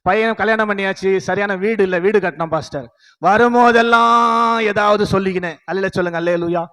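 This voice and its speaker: High-voiced preacher in an echoing hall. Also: male voice, fast, clean tone. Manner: repeats "praise the Lord" and calls the congregation to say hallelujah; scolding, preachy, asks the congregation rhetorical questions. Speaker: pastor. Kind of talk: sermon.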